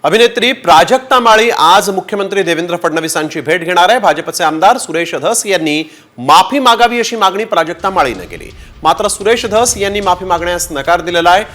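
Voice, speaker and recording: A man reading television news bulletins in a formal, steady way. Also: high voice, fairly quick. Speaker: news anchor.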